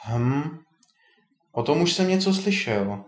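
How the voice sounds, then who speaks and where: A man voicing a kindly, teasing old male wizard in a storybook tale, a bit higher than his narration. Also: sing-song. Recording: roomy echo.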